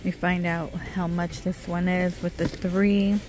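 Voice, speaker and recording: A woman's voice: fairly low pitch, flat delivery, unhurried, music in the background. A middle-aged woman narrating a casual shop-with-me vlog in a department store, reading out product names and prices as she browses. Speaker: shopping vlogger. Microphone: handheld phone camera.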